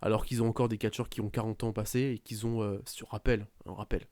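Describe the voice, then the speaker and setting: A man hosting a wrestling podcast in casual chat, sarcastic and animated, with lots of fillers. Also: fairly low pitch, quick pace, dry recording. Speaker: podcast host.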